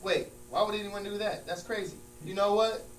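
A man's voice: sits high, fairly even intonation, moderate pace, close to an everyday voice. A man acting out a smug, exasperated friend who mocks and corrects emphatically in a comedy scene. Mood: fed up. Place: large room with small stage, indoors. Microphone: far camera. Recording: distant, echoey room with hum and noise.

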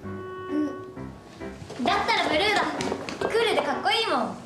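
Casting: young woman to play dreamy pink schoolgirl ranger, high childlike voice, earnest, TV hero parody, echoey. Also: normal speed, close to an everyday voice. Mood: wishful. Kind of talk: live-action TV hero parody acting. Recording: echoey sound, music behind.

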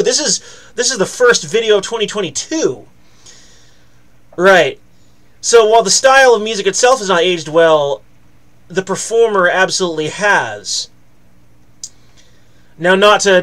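A man's voice: fairly high pitch, a bit bright. A man hosting a music reaction video, talking in a casual, rambling and self-mocking way with frequent fillers.

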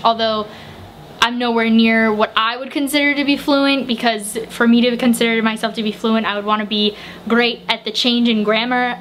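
A young American woman with a slightly high voice runs through viewer questions in a casual home vlog. She answers in quick, chatty bursts. A faint hiss of room noise sits under the camera mic. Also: a bit bright. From United States. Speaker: book vlogger. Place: home room with bookshelves, indoors.

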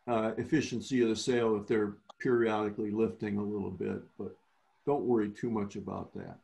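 A man's voice: mid-range voice, vocal fry, a little mellow. A man instructing newer sailors in a virtual clinic, explaining step by step and often restarting his phrases. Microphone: video call.

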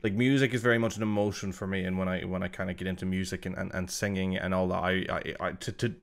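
This man hosts a music reaction video, speaking casually and critically while rambling and cutting himself off mid-sentence. His voice is deep and gravelly, delivered flatly and at a fast clip.

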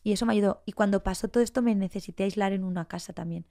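Racing along in a mid-range voice, this podcast guest, a woman in her forties with an accent from Spain, shares her personal story candidly and with feeling. She is emotional and animated, acting out past conversations.

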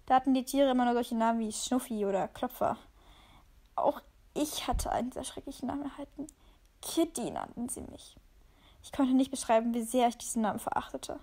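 A woman reading a fan story aloud with expressive first-person storytelling. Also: a little high, brisk. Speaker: story reader.

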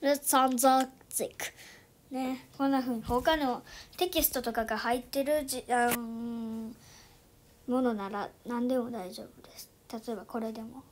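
A chatty woman with a high, light voice walks viewers through a phone app in a casual tutorial. She fills her talk with little fillers and often drops into soft, near-whispered asides. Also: fairly even intonation, moderate pace, a little hiss or hum. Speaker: YouTube channel host.

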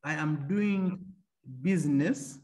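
In a faith-filled storytelling interview, an engineer turned entrepreneur recounts stories of his faith and business, laughing often and acting out other people's voices. His voice is on the high side, slow and darkish.

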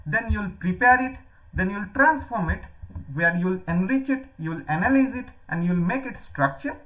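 A woman's voice: medium pitch, expressive, brisk, fairly bright tone, low-quality recording. A woman teaching a slide-based tech lecture, explaining each term step by step and often restating it with "that means". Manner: explanatory, repeats "that means", self-corrects. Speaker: cloud computing instructor. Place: voice-over on slides.

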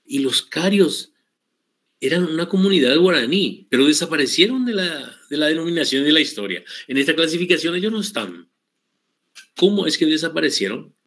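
A man teaching an online Guaraní language class, explaining patiently and repeating words slowly for his students. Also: on the high side, big pitch swings, a bit bright.

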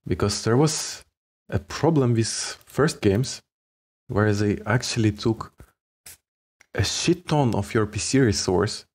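Ukrainian male game streamer, very low voice, laid-back chatter, casual swearing. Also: slow, slightly rough. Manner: relaxed, swears offhandedly. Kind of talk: casual gameplay commentary.

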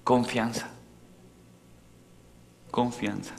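Priest preaching in a reverberant church. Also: male voice, medium pitch, steady tone, very slow, creaky. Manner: questions the congregation directly, shifting from loud to soft.

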